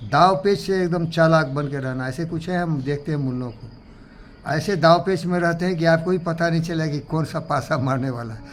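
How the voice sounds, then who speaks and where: A man giving an emphatic, moralizing talk to a gathering, preachy, with sudden loud outbursts. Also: a little high, moderate pace, a little hiss or hum. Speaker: speaker addressing a gathering. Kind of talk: moralizing motivational speech.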